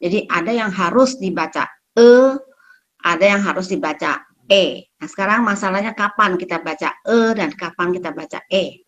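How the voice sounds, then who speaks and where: A woman teaches pronunciation in a patient, explanatory way. She slows down to sound out each syllable, then repeats it so learners can follow. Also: mid-range voice, fairly bright tone. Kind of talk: pronunciation lesson.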